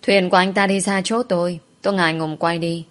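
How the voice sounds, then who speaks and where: A woman's voice: fairly low pitch, steady tone, fairly quick. A woman narrating a first-person story, dramatically voicing the heroine's fears.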